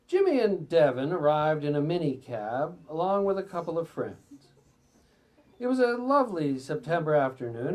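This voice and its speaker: Stumbling now and then and stepping out of the text for asides, this man reads memoir excerpts at a live bookstore event. His voice is on the high side and a little mellow.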